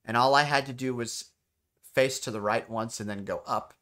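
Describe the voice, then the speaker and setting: A man's voice: medium pitch, normal speed, a bit bright. A man demonstrating a game in an instructional tutorial style, explaining controls step by step and repeating key points. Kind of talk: step-by-step gameplay tutorial narration.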